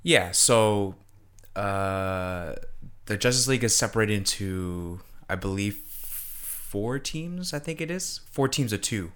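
A man's voice: on the low side, expressive, takes it slowly, fairly bright tone, clean tone. A man co-hosting a podcast, rambling casually with many fillers and hedges. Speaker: podcast co-host. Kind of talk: casual chat.

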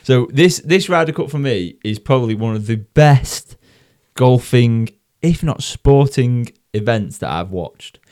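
A man's voice: medium pitch, lively intonation, a little slow, darkish tone. A man with a Mancunian accent co-hosting a golf podcast in casual, blokey chat, emphatic and repeating his phrases. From Manchester area, England.

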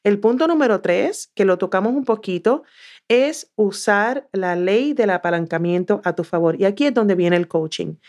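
A woman's voice: mid-range voice, normal speed. Puerto Rican woman telling her story. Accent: Puerto Rican Spanish. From southern Puerto Rico. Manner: lively storytelling, acting out her own past words. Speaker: podcast guest. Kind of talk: casual interview.

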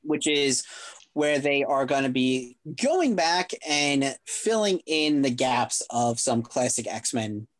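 A man co-hosting a casual podcast, deadpan and dry, explaining comic lore in detail. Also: mid-range voice, slow, no echo. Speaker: podcast co-host. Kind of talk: casual chat about comics.

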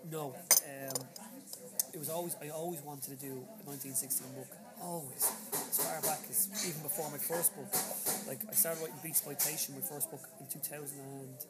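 Irish man chatting over loud crowd noise. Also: fairly even intonation, normal speed. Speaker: author being interviewed. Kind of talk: casual interview talk. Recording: low-quality recording, loud crowd chatter behind.

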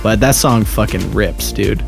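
A man's voice: on the low side, measured pace, creaky, music in the background. Jokey, swearing young male co-host. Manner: jokey, swears, slips into goofy voices. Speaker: podcast co-host. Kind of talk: casual chat.

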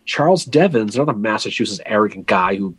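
A man co-hosting a casual history podcast, telling the story with lively, wry asides. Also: lowish voice, quick pace, breathy edge, no echo. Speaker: podcast co-host.

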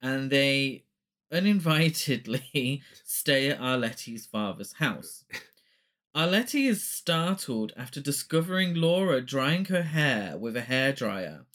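A man's voice: mid-range voice, big pitch swings, takes it slowly, a bit bright. A man hosting a casual film recap, talking through the plot with cheeky, campy asides. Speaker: podcast host.

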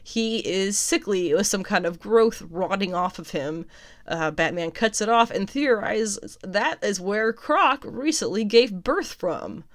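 A woman's voice: medium pitch, expressive, unhurried. Chatty woman laughing through a comic recap. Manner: chatty and amused, laughs often, swears casually. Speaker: comic book reviewer. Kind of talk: casual recap and review.

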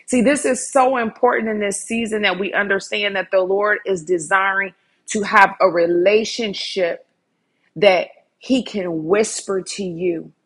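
Female preacher, breathy timbre, earnest sermon delivery with repeated emphasis. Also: mid-range voice, fairly even intonation, a little slow.

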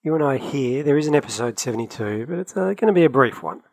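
A man's voice: medium pitch, fast, gravelly, poor audio. A man, co-hosting a casual podcast and telling travel stories with a chatty, laughing manner. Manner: chatty, laughs often, lively storytelling. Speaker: podcast co-host. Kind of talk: casual chat. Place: travelling, in London.

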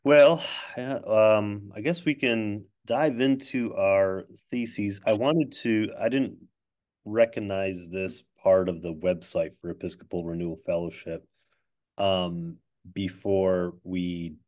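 A man hosting a podcast in casual chat, halting and self-deprecating as he talks. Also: low-pitched, a little mellow. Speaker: podcast host. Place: office. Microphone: not his regular microphone.

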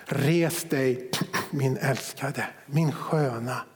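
A man preaching a sermon, reading scripture slowly, dropping to hushed whispers and then rising sharply for emphasis. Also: mid-range voice, in a large hall. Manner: swings from hushed whispers to sudden emphatic rises.

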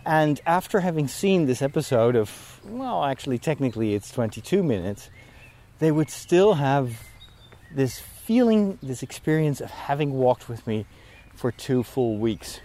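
Man, walking vlog, outdoors in woods, out of breath, warm mellow tone, rambling asides. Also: medium pitch, big pitch swings, a little slow. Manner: rambling, self-deprecating asides. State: tired, out of breath. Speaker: priest and vlogger. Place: outdoors in woods, climbing a hill.

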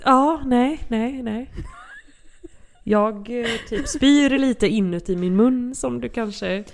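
A woman's voice: fairly high pitch, vocal fry. A woman co-hosting a podcast from her apartment, chatting casually, bluntly and with lots of laughter. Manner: giggly, blunt and animated, often swears. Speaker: podcast co-host. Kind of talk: casual chat.

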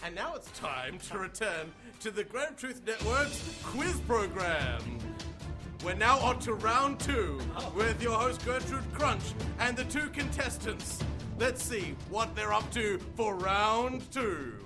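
A man's voice: sits high, animated, slow. A man hosting as a playful, theatrical announcer for a mock comedy broadcast. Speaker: announcer, host. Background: music.

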